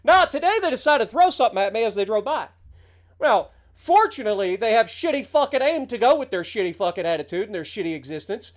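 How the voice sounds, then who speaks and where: Ranting on his livestream, a man in his late thirties who streams games is heated, sarcastic and heavily profane. He talks at a quick pace in a high-pitched, very animated voice.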